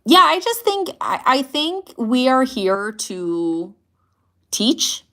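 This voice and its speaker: An American woman in her late thirties hosts a casual livestream, reading comments and chatting loosely while swearing freely and laughing often. Her high voice is very animated and fairly bright, though she speaks at a slow pace.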